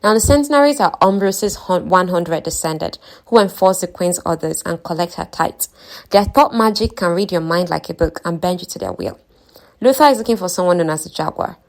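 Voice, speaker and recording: A woman's voice: on the low side, very animated, fairly quick, creaky. A woman casually retelling a fantasy novel's story, chatting to her listeners with offhand asides. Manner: chatty, conversational, talks to listeners. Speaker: book recap narrator.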